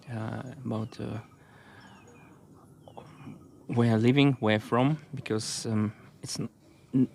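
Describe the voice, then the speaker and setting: Halting, soft-spoken man from Russia. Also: mid-range voice, gravelly, slight background noise. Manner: halting, searching for words with many pauses. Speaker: podcast guest. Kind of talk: casual conversation. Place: outdoors on a walking trail.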